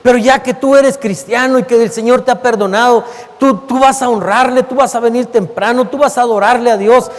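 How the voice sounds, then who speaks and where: A man with a Mexican Spanish accent preaching a sermon as pastor, emphatic and earnest, calling his listeners beloved and slowing down to give his words weight. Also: very high voice, fairly even intonation. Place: church sanctuary. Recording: long church-hall reverb.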